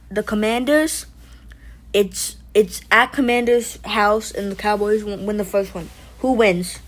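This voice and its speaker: A woman streaming casually to her chat, joking and rambling with loose restarts. Her pitch sits in a middle range, and she calls out to viewers by name. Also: rough recording. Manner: playful, jokey, talks to chat by name. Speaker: livestream host.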